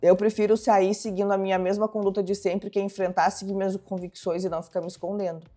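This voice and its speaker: A woman voicing a sharp-tongued, combative woman contestant in a quarrel, speaking in a cutting, defiant way. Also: mid-range voice, level tone, fast, soft background music, lightly acted. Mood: resolute.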